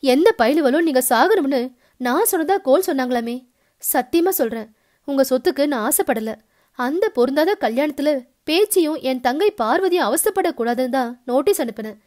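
A woman reads a middle-aged man in a storybook, emotional and earnest, swearing he never wanted anything from his old friend. The voice stays high and plain. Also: lively intonation, takes it slowly, a little mellow.

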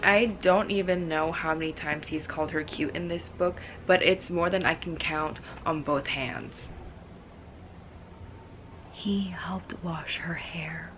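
A woman's voice: deep voice, fairly even intonation, moderate pace, few pauses, fairly bright tone, slight background noise, poor audio. A young woman chatting casually about a book she is reading, exasperated and sometimes dropping to a whisper. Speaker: book vlogger. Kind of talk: casual reading vlog chat.

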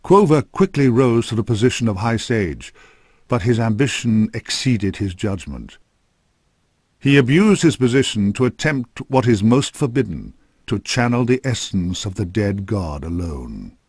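A man with a fairly low, expressive voice and a breathy edge reads scripted fantasy narration, grave and measured as if for a dark video game saga. The recording is dry and close, with no room echo.

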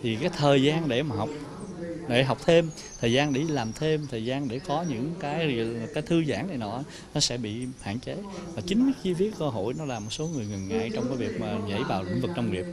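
A middle-aged man, answering interview questions plainly with halting fillers, outdoors on a handheld mic. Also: mid-range voice, animated, crowd noise. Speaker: agricultural zone official. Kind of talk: news interview. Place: outdoors in a park. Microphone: handheld reporter mic. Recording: outdoor insects and birds behind.

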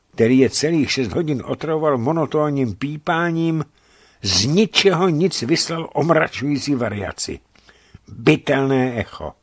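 A man reading a novel aloud in a measured, steady manner for radio. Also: mid-range voice, dry recording, clean studio sound. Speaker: radio reader. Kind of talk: scripted narration of a novel. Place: radio studio.

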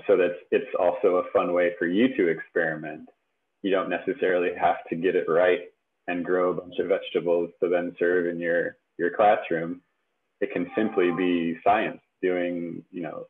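A man presenting in a casual webinar from home with a headset, relaxed and chatty with many fillers. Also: low voice. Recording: tinny phone-like webinar audio.

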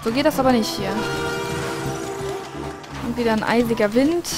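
A woman's voice: a little high, normal speed. A woman giving casual gaming commentary, chatting and thinking aloud as a let's play host. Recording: game music behind the voice. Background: video game music and effects.

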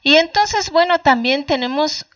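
Slow-talking Mexican woman psychologist. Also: sits high, expressive, no echo, highs cut off. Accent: Mexican Spanish. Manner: warm, colloquial, addresses listeners directly with rhetorical questions. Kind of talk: talk-show advice talk.

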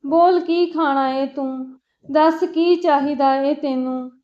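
A woman voicing a kind, fatherly middle-aged man who coaxes a hungry girl to eat, repeating words warmly. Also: high voice, steady tone, takes it slowly, muffled recording. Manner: warm, coaxing, repeats words.

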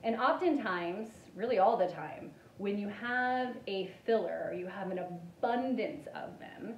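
A woman's voice: mid-range voice, lively intonation, unhurried, muffled recording. Woman instructor, casual lecture delivery, chatty with fillers, mic at a distance in a roomy space. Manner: conversational, uses fillers, acts out examples. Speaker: public speaking instructor. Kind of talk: informal lecture. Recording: echoey room from far off with faint noise.

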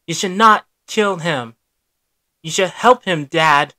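A woman's voice: fairly low pitch, slow pace, bright, forceful tone, dry recording, pitched below the performer's own voice. A woman voicing an anxious young male dinosaur in a cartoon, talking in a nervous, pleading way.

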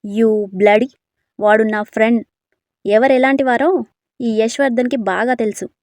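A woman's voice: a little high, steady tone, a little slow, a little mellow, no room sound, close to an everyday voice. A woman voicing a short-tempered young businessman who gives curt orders. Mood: angry. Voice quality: curt, commanding.

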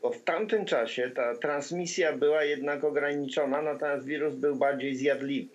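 A man's voice: on the high side, steady tone. Polish man on dull lo-fi call audio. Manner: halting, with frequent fillers. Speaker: political commentator guest. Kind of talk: video-call political discussion.

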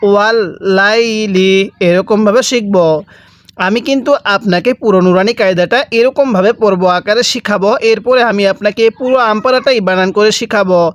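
A man's voice: high-pitched, no room sound. A man teaching Quran reading, spelling out Arabic letters syllable by syllable and patiently asking the listener to repeat after him. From Bangladesh. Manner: patient, repeats slowly and asks listeners to read along; draws out sounds syllable by syllable. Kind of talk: step-by-step spelling lesson for reciting Arabic letters.

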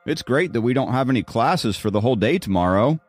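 Narrator doing a bright, eager young roommate, pitched well up. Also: male voice, animated, brisk, husky, no echo, soft background music. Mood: cheerful. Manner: cheerful, eager. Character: cheerful young male dorm roommate.

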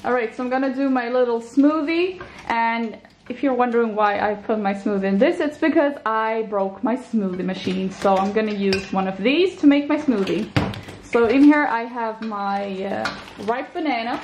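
Young woman, twenties, raspy morning voice, casual kitchen vlog, chatty, faint background noise. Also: fairly high pitch, moderate pace. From Sweden. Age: 20s. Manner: chatty and upbeat, talking while cooking. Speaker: vlogger. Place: home kitchen.

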